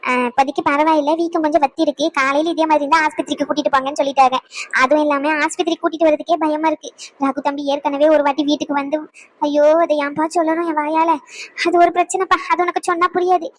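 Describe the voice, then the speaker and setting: Woman doing a worried cartoon mom, high voice, rattles on fast, kinda fretful. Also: fairly even intonation, close to an everyday voice. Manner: fretful, confiding, chatty. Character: middle-aged mother, anxious and protective. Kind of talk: cartoon voice acting.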